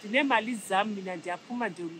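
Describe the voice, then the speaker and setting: A woman's voice: medium pitch, fast. Emphatic South African woman on a noisy street. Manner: emphatic, mixes English into her speech. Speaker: community patrol member. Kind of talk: street interview. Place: outdoors on a busy city street. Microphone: camera mic, subject wearing a face mask. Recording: loud street noise.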